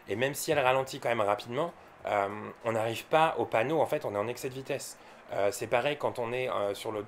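With a medium-pitched voice, a French vlogger who owns an electric car offers loose, unscripted commentary, explaining informally and with some hesitation. A little hiss or hum sits in the background.

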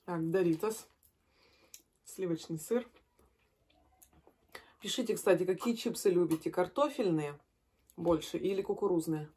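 A woman's voice: on the low side, unhurried, pauses often, dark tone. A woman in her thirties chatting casually as a mukbang host, talking while she crunches chips and snacks. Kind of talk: casual chat while eating. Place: small furnished room at home. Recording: clear background noise and clicks.

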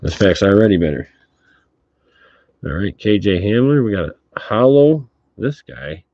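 Low-pitched man talking through a face mask. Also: sing-song, unhurried. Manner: laid-back, swears casually. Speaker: host of a sports card box break. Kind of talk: casual running commentary on card openings. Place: indoor tabletop card-opening setup. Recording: dull, muffled audio with background noise.

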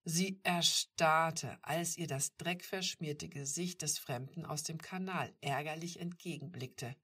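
Low, husky-voiced woman narrator. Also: measured pace, a bit bright, distant mic. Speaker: audiobook reader. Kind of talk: scripted narration.

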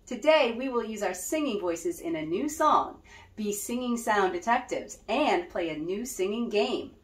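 A woman's voice: mid-range voice, lively intonation, a little slow. A woman music teacher leading a children's lesson, cheerful and guiding with call-and-response. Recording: roomy echo.

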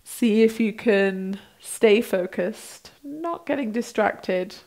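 A woman in her thirties working as a breathwork instructor, gently guiding a practice in an unhurried way with pauses between instructions. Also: medium pitch. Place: small bright indoor room, seated on a mat.

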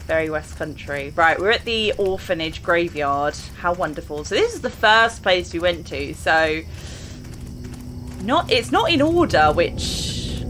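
A young Englishwoman runs a gaming channel and talks through a let's play, chatty and exclamatory with frequent bursts of laughter. Her lowish voice has a fairly bright tone, and there's a little hiss or hum in the audio.

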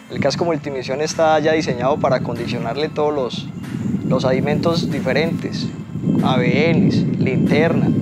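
A Colombian man briefing as an army officer, explaining things in a fairly high voice. He talks fast, with music clearly behind him.

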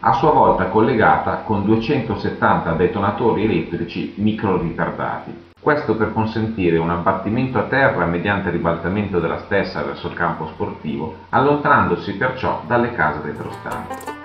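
Deep-voiced man narrating a technical documentary. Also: animated. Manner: measured, matter-of-fact technical delivery. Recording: echoey, dull lo-fi voice-over.

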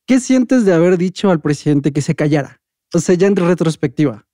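A man, hosting a podcast and asking relaxed, joking questions. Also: fairly high pitch, a little fast, dry recording, studio quality. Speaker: podcast host. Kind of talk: casual interview.

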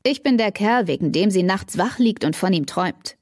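A woman's voice: medium pitch, expressive, normal speed, a little mellow, dry recording, close to an everyday voice. A woman voicing a cocky, teasing teenage boy in an audiobook, read with a dry, close sound. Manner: teasing, smug.

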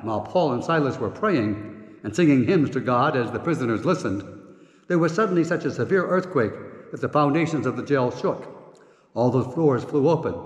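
A man, a priest, leading Mass in a slow, measured, solemn way, reading prayers and scripture in a church. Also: mid-range voice, lo-fi sound. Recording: echoey church, reverberant and roomy.

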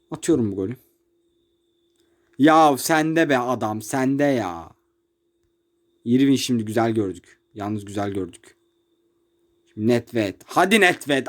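A high-voiced young man records himself at home while playing a football game on his phone. He rants in exasperation, one moment yelling and the next muttering under his breath, over a close phone mic. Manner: exasperated ranting, swings between shouting and muttering. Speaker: mobile football gamer. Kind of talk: live gameplay commentary. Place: room at home.

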